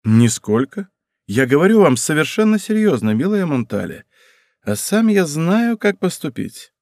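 A man's voice: a little high, sing-song, measured pace, darkish tone, no room sound, pitched above the performer's own voice. Male reader as a sly young courtier: intent, persuasive, audiobook reading. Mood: scheming. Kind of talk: audiobook character voice.

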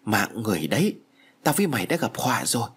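A man's voice: on the low side, big pitch swings, fast talker. A man voicing his reckless young friend in an audiobook story. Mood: shaken. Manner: rough, swaggering, later shaken.

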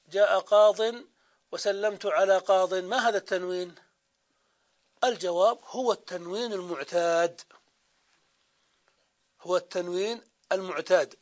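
Saudi man teaching grammar, high voice. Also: lo-fi sound. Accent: Saudi Arabian. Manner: explains step by step, asking and answering his own questions; drawls out example words slowly. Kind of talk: classroom grammar lesson.

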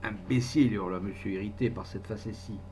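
A man giving an expressive literary reading as an audiobook narrator, acting out voices along the way. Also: medium pitch, moderate pace. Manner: animated, acts out the quoted voices. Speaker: audiobook reader. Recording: dull recording with faint hum.

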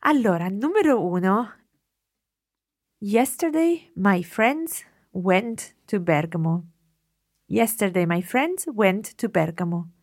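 A woman teaching Italian, reading out sentences and explaining grammar with clear patience. Her voice sits at a middling pitch. The recording is dry and close. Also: animated, slow pace, a little mellow, no echo. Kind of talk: language lesson.

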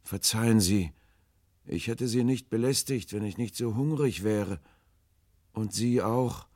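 A man's voice: low voice, a little mellow, slightly rough, no echo, clean studio sound. A man voicing a frightened, starving old man who speaks in a hesitant, hopeless way in an audiobook. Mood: mournful. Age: older. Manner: hesitant, halting, sorrowful and hopeless. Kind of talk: audiobook character voice.

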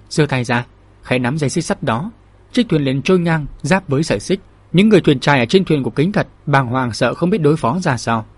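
A man hosting his channel and narrating a martial-arts novel audiobook in a steady, measured storytelling manner. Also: on the high side, husky, no room sound.

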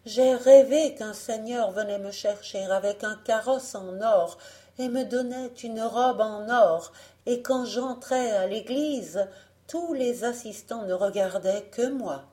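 A woman's voice: a little high, slow pace, warm tone, pitched above the performer's own voice. A woman voicing a proud young woman from a storybook who boasts and scorns her suitors. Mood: dreamy boast. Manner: haughty, boastful.

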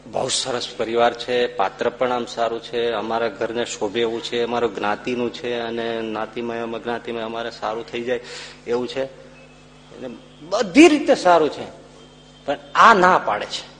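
A man's voice: medium pitch, normal speed, fairly bright tone. A man, a monk telling a humorous anecdote in a sermon and acting out the voices of the people in it. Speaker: monk giving a discourse. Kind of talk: sermon storytelling. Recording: echoing hall with faint hum.

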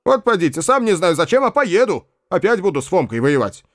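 Irascible old landowner, loud and bristling, voice pushed high by a male reader; audiobook character. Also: big pitch swings, dry recording, studio quality, full character voice. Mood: rueful, hearty. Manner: blustering, shouting, quick to temper.

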